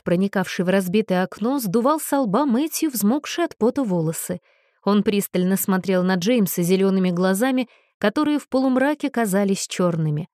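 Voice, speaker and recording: A woman narrating an audiobook in a steady, expressive way. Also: mid-range voice, no room sound, clean studio sound.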